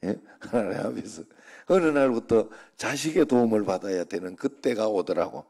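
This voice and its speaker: Middle-aged man, pastor, dark gravelly voice, loose joking sermon delivery. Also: lowish voice, lively intonation, normal speed. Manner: chatty, joking, rambling anecdotes. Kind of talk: informal sermon.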